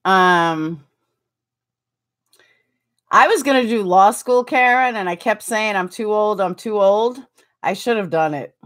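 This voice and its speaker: A forties-aged woman runs a relaxed livestream from a small curtained room, recorded through a desktop webcam. Her voice is mid-range and a bit bright, her pace measured with frequent pauses, as she chats, pokes fun at herself while reading viewer comments aloud, and laughs a lot.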